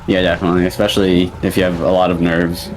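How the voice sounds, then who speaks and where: A man's voice: low voice, completely flat delivery, fast talker, slight background noise. A young man giving casual commentary on a video game speedrun race.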